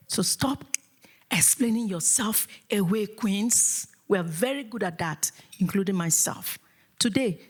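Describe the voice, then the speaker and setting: A woman from Africa giving a rousing motivational keynote speech to a live audience in an event hall, with a preacher-like call and response. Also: mid-range voice. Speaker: motivational speaker.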